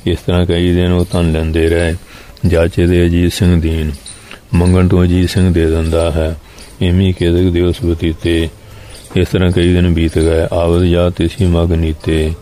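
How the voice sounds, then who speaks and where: Brief: male preacher, very monotone, recites a verse then glosses it calmly. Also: sits low, slight background noise. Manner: recites each verse line, then explains it plainly; steady, even delivery with affirming fillers. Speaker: religious storyteller. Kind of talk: scripture exposition.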